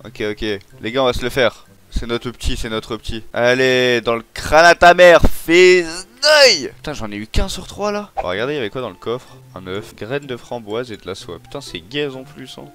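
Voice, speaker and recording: Excitable young gamer man, low voice. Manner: excitable, swears, yells at enemies, addresses viewers as brothers. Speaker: gaming YouTuber. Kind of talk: let's play commentary.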